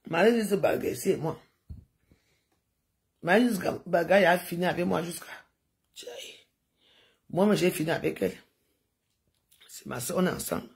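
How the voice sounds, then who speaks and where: Older woman, gravelly voice, digressive casual chat, livestream talk to viewers. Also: on the low side, expressive, moderate pace, long pauses. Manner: chatty, digressive, with sound-effect noises. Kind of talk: rambling casual livestream monologue.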